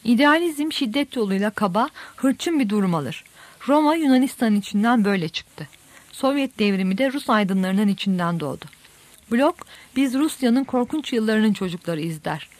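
A woman reading an audiobook aloud and voicing a grown man who calmly reflects on history. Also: on the high side, normal speed, no echo. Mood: reflective.

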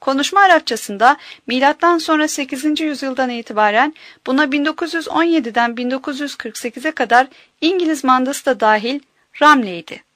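A woman narrating an audiobook in a measured, careful way, minding each pronunciation. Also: high voice, a bit bright, no room sound.

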